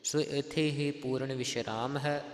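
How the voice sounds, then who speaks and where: A man teaches recitation at an unhurried pace, chanting each verse drawn out before he explains it in a steady, even voice. His voice rings in an echoey room with a long reverb tail. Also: mid-range voice. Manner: chants verses slowly, then explains pronunciation calmly.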